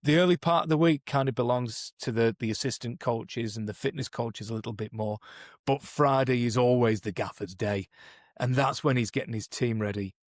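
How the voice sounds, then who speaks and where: In a dry, studio-quality recording, a man with a mid-range voice speaks at normal speed. He's a performance coach co-hosting a podcast, a native English speaker who explains coaching methods conversationally and thoughtfully, with lots of restarts and "you know"s.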